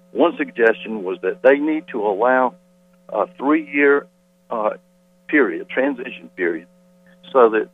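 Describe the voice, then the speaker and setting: A man's voice: mid-range voice, breathy edge. A school board member calling in to a radio interview by telephone, slightly out of breath, insistent as he rebuts claims point by point. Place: quiet hallway off a meeting. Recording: tinny phone line with mains hum.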